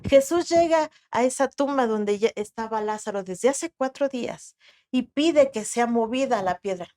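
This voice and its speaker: A woman preaching a sermon with a Mexican Spanish accent, slow and dramatic, acting out the voices she quotes. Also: a little high, animated, warm tone.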